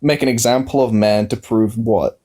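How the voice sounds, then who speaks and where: A man's voice: mid-range voice, fairly even intonation, normal speed, mellow. A young man in his early twenties in a casual live-stream debate, pressing the same question over and over with stumbling restarts. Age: young adult. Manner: insistent, repetitive, stumbling restarts. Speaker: livestream guest.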